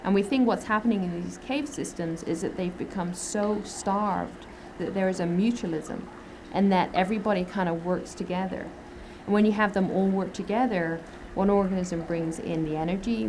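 A woman's voice: on the low side, background noise. A woman in her thirties, a microbiologist, explaining her research in a documentary interview in a lab, gesturing as she talks. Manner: explanatory, gestures while talking. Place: indoor lab.

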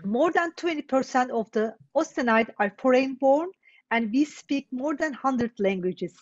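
High-voiced woman reading a script. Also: expressive, unhurried, muffled recording. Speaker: presenter. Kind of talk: scripted read-out.

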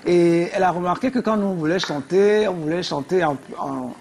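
A middle-aged woman from Cameroon with a Cameroonian accent and a deep, low voice, a singer telling lively stories as a guest on a TV talk show. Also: brisk. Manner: lively anecdotal storytelling.

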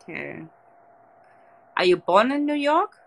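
A young German-accented woman from Germany chats relaxedly with viewers on a late-night livestream, lying in her bedroom bed with the phone held close. She's the stream's host, and her voice is a little high, slow-paced, with vocal fry.

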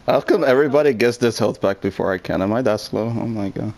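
Gravelly man exclaiming mid-game. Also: on the low side, fast talker. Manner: excitable, laughs often, exclaims at the game. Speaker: gamer. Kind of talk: casual gaming chat.

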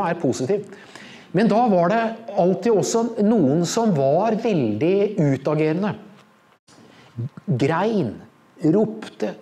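A man's voice: high-pitched, mellow. A man giving informal Bible teaching, telling anecdotes in a rambling way with many fillers and tag questions.

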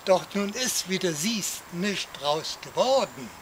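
A man reciting a rhyming comic poem for an audience, lively, jumping up in pitch for shouted cries. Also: slow, slight background noise, rough recording. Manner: lively storytelling, swings voice up for quoted cries. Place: outdoor garden theatre.

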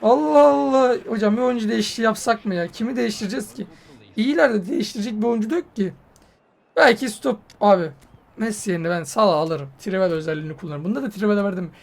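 A man commentating on his own football video game match, yelling and swearing at the game when it goes wrong. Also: high-pitched, fast talker, creaky. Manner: hot-tempered, swears and yells at the game. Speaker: gaming YouTuber.

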